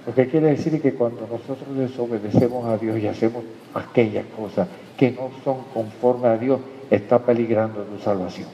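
A man preaching a sermon with emphatic swings between loud and quiet. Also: mid-range voice, normal speed, a little hiss or hum. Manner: emphatic preaching, rises and drops in loudness. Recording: dull sound in a reverberant hall.

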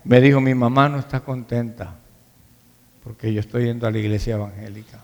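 A pastor from the Dominican Republic, speaking with a Dominican accent, preaches a sermon at a church service in a large reverberant room, and hall reverb colors the dull audio. His mid-range voice is level and fairly quick, emphatic yet conversational, repeating phrases for emphasis.

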